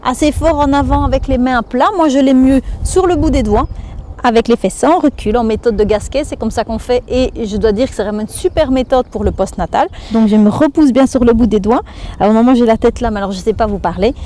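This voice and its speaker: A woman's voice: a little high, brisk, mellow, a little hiss or hum. A woman in her thirties with a Belgian French accent, leading a fitness lesson and counting through each move as she demonstrates. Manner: counts and breathes through moves while explaining. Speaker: fitness instructor. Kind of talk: exercise demonstration.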